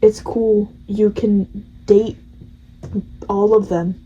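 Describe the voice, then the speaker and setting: Slow, husky young woman rambling. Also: medium pitch, level tone, mellow, highs cut off. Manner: rambling, chatty, laughing at the story. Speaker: gaming channel host. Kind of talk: casual story recap of a game.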